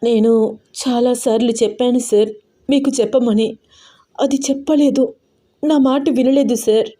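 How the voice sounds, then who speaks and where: A woman's voice: a little high, steady tone, measured pace, mellow, voice pushed up, lightly acted. Woman voicing a tearful bedridden older sister. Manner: anxious, pleading, sobbing. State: crying.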